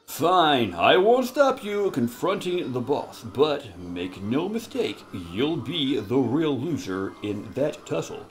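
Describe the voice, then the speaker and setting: Guy doing evil duck quiz host from a video game, slow theatrical gloating villain menace, real swingy pitch. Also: sing-song, slight background noise. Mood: thwarted menace. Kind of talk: reading game dialogue in character.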